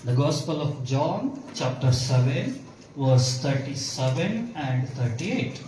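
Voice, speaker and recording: Pastor guy preaching slow, lots of questions he answers himself, big echoey hall, mic a bit far off. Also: medium pitch, expressive, dark tone, slight background noise. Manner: asks the congregation questions and answers them himself. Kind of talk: bilingual sermon.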